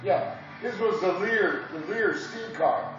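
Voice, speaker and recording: A man's voice: sits high, slow pace, a bit bright. A man in his fifties from Indiana, rambling crudely through stories as a coffee shop customer and chuckling between them. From Indiana, USA. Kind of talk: rambling monologue. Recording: echoey dull distant room recording with music.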